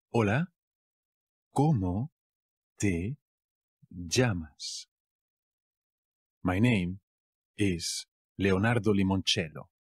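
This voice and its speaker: A man from Spain with a Castilian Spanish accent teaches a language lesson, saying each phrase slowly and repeating it with variants. His voice is lowish, darkish and husky. The recording is studio quality with no room sound.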